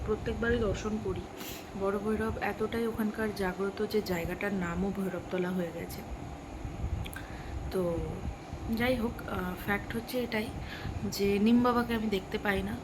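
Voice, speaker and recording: Young woman vlogging softly at home. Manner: drops to a hushed voice while a child sleeps; high sing-song baby talk with a child. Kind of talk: casual vlog talk. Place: at home indoors. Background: loudspeaker noise from a festival outside.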